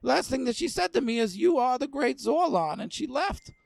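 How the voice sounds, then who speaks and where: A man's voice: very high-pitched, sing-song, normal speed, creaky, dry recording, voice pushed up, full character voice. A man voicing a rambling, spaced-out old stoner oddball making a prank phone call. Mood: pleading.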